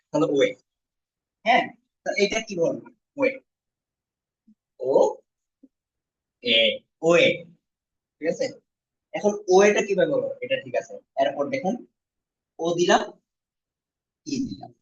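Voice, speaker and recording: A man teaching a basic language class who says sounds slowly and clearly, then has the students repeat them. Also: on the high side, animated. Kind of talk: classroom lesson. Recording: echoey room, distant muffled mic.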